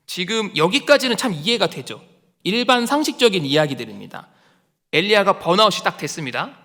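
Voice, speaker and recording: A male pastor preaches in an easy, conversational way, his voice high and bright. Long reverb trails each phrase, as in a church sanctuary. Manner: conversational, animated, acts out quotes. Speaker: associate pastor. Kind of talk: sermon.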